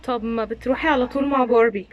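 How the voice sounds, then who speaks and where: A woman voicing a busy young engineer man doll, dropping her voice lower, with an Egyptian Arabic accent and an evasive, flustered manner. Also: fairly even intonation, very fast, lo-fi sound, natural voice.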